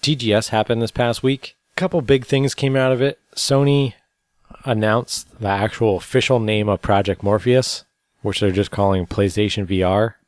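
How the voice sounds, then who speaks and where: A man co-hosting a podcast, chatting casually and reading out news with a relaxed, rambling manner and a tired edge. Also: lowish voice, normal speed, no echo. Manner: relaxed, rambling, many fillers. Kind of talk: casual chat.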